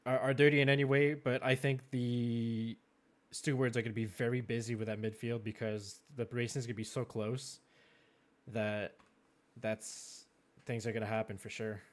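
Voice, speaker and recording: French Canadian male host, mid-pitched, chatty, laughs often, loose filler-heavy draft commentary. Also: level tone, normal speed. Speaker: host of a racing league draft. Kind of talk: live-streamed draft commentary.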